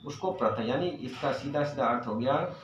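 A man teaching Sanskrit grammar to a class, explaining patiently, asking his students questions and reciting verses slowly. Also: medium pitch, lively intonation, a little hiss or hum. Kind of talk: classroom lecture. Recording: echoey, dull lo-fi room recording.

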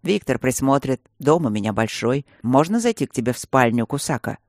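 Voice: medium pitch, expressive, fairly quick, darkish tone, no echo, clean studio sound, voice pushed down, natural voice. An audiobook reader voicing a cheerful, teasing, protective adult male baron. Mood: soothing.

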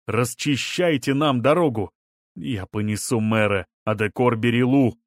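A man reading the lines of an urgent male companion who shouts commands to get a woman out of a crowd. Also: medium pitch, unhurried, no room sound, clean studio sound, lightly acted.

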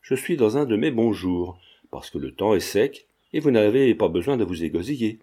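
A man's voice: fairly low pitch, expressive, normal speed, mellow, breathy edge. A man voicing a genial old retired druggist who feigns deafness, talking in a sly, affable way.

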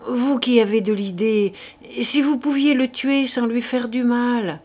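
A woman's voice: on the high side, unhurried, darkish tone, voice pushed up. Woman voicing a nervous young soldier, trembly and pleading. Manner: shaky, pleading. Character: timid, pious young male soldier.

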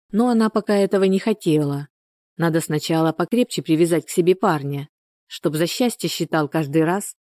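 A woman narrating a novel in an even, measured storytelling manner, close to the mic. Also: low voice, dry recording. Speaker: audiobook reader.

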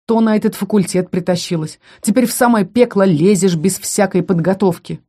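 Woman doing a sneering rough young fighter. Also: medium pitch, brisk, natural voice. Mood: angry. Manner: loud, sneering, barking. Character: brash young male combat student, mocking and rough.

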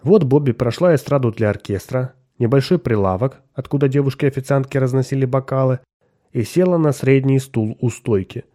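A man reading a story aloud as narrator, giving the characters their own voices. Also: moderate pace. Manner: expressive storytelling, shifting pitch for characters. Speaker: audiobook narrator. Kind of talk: scripted narration with voiced dialogue.

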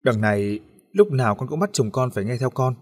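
A man's voice: medium pitch, very animated, brisk. A man voicing a grandmother who lectures her grown daughter at length in a story reading. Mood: scolding. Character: stern, scolding grandmother.

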